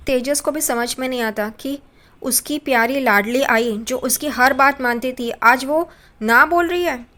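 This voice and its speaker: Woman casually recapping a serial, fairly high voice. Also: a little slow, pushed and bright. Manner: retells scenes, voicing quoted lines with small pitch lifts. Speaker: narrator recapping a TV serial episode. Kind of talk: casual spoken recap narration.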